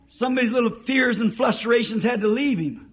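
A man preaching a fiery revival sermon, impassioned and breaking into shouts. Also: extremely high pitch, animated, normal speed. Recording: dull lo-fi archive recording.

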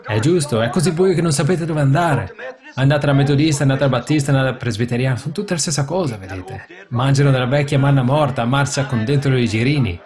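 A man preaching a sermon with fervor, building to excited exclamations. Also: mid-range voice. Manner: fervent, rising to excited exclamations. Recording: live congregation audible behind. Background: congregation.

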